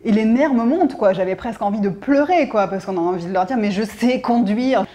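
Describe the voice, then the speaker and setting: A woman's voice: mid-range voice, animated, quick pace, mellow. A woman talks straight to her viewers in an easygoing vlog. She rambles a little, hesitates with fillers and restarts, and keeps a chatty storytelling flow. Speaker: vlogger. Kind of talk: casual chat.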